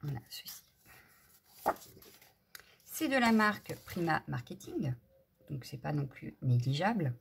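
Woman, gravelly low voice, hesitant casual chat, craft haul vlog, noticeable background noise. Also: sing-song, unhurried, long pauses. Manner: chatty, hesitant with many fillers. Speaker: craft vlogger.

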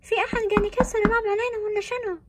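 A woman's voice: very high-pitched, steady tone, very fast, very noisy. A woman playing a fearful middle-aged mother in a family drama, full of anxious exclamations.

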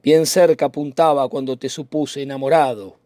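A man reading the part of a calm, concerned young cousin in a dramatic reading of a play, earnest and advising. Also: mid-range voice, moderate pace, dry recording, clean studio sound, lightly acted.

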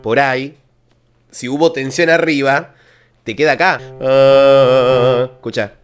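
A man with an Argentine accent, a baritone vocal coach, chatting excitedly to viewers as he reacts to and analyzes a singing performance. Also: slow, clean tone, faint music behind. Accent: Argentine Spanish.

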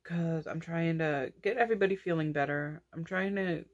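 A young woman with a low voice chats casually at a moderate pace about her crochet projects and her family. A crochet vlogger, she rambles, restarts often, and yawns along the way.

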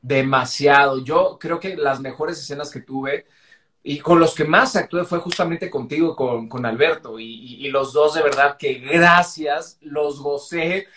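An actor in a casual live-stream chat, talking emotionally and affectionately. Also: male voice, on the high side, measured pace, a bit bright, a little hiss or hum. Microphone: phone on a live video stream.

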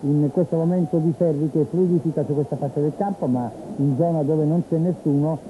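A man from Italy giving live football play-by-play commentary on television, in a measured, descriptive way with pauses. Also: a little high, fairly even intonation. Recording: tinny phone-like old TV broadcast, noisy stadium. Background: stadium ambience.

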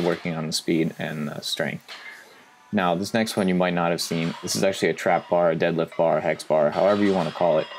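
A young man gives a casual voice-over explaining his gym workout in a relaxed coaching tone. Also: low-pitched, a little hiss or hum. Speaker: fitness vlogger.

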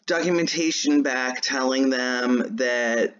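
A channel host talks casually through a screen-share walkthrough, chatty and rambling, with frequent "um" and "anyways." His mid-range voice is slow, a bit bright and smooth, though the recording sounds muffled.

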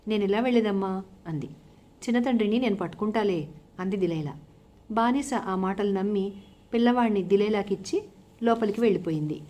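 A woman's voice: medium pitch, warm tone. A woman narrating a folk tale as a storyteller, giving the characters' lines small shifts of voice.

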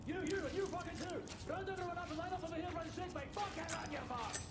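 An actor playing a frantic, foul-mouthed field medic, barking urgent orders in a dramatic game scene. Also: male voice, sits high, moderate pace. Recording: loud background noise.

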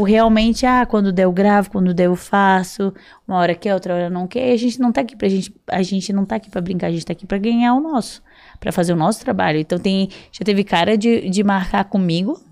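A woman's voice: mid-range voice, fairly quick, darkish tone. A young woman chatting frankly and rambling on a podcast, with lots of fillers. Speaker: guest. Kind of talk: casual podcast chat.

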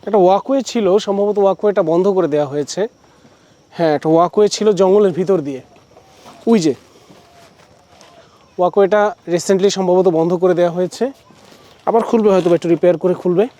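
A man's voice: high voice, fairly quick, pauses often, dark tone. A man from Bangladesh giving a casual walking-tour vlog outdoors at a forest resort, chatty and mixing in English words while often correcting himself. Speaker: travel vlogger.

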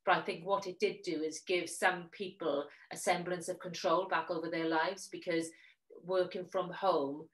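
A woman in her forties with a South Wales Valleys accent, a magazine editor chatting as an interview guest in a measured, self-correcting way. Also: on the low side, steady tone, fairly bright tone, poor audio. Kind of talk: casual interview chat.

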